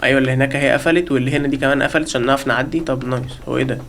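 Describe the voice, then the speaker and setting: شاب بلهجة مصرية يعلق على لعبة رعب وهو يلعب، يصرخ ويهزر مع المتابعين. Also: male voice, medium pitch, steady tone, very fast, slight background noise. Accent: Egyptian Arabic. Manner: panicky, yelling in bursts while being chased; jokey, talks to viewers and the game. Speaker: gaming channel host. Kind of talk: live horror game commentary.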